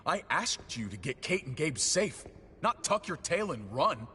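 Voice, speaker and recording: A man's voice: on the high side, very animated, a little slow, sharp tone, long reverb tail, a little hiss or hum, exaggerated voice. An actor playing an angry male leader who feels betrayed, in a video game, with a harsh, accusing manner.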